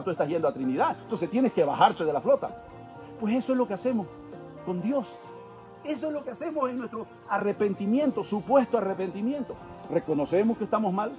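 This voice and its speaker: A man with a Bolivian accent preaching a sermon, telling a story in an animated way straight to his listeners. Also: high-pitched.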